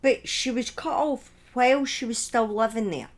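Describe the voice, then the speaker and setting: A woman on the high side of the pitch range recounts a true-crime case in a chatty, partly scripted manner. Her delivery is halting and dotted with informal remarks and personal opinions.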